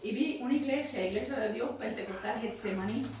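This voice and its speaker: A woman's voice: fairly high pitch, fairly quick, a crowd in the background. A woman giving a spoken religious testimony, fervently breaking into praise and often adding "right?". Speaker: church member giving testimony. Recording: very echoey, distant mic, faint noise.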